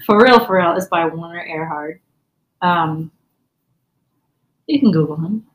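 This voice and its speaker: A woman's voice: on the low side, unhurried, roomy sound, poor audio. A woman co-hosting a podcast in casual chat, joking in a dry, sarcastic way. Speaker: podcast co-host.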